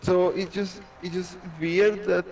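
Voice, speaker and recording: A man's voice: high-pitched, level tone, slow pace, creaky, a little mellow, distant mic, a little hiss or hum, low-quality recording. A man with a Hungarian accent, chatting casually as a podcast co-host and rambling with many restarts and fillers. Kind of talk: casual chat.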